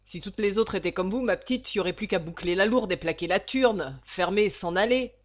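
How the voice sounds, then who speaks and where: A woman voicing a coarse, greedy old female innkeeper with a hoarse, gravelly voice, loud and bullying. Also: on the high side, animated, a little slow, pitched above the performer's own voice.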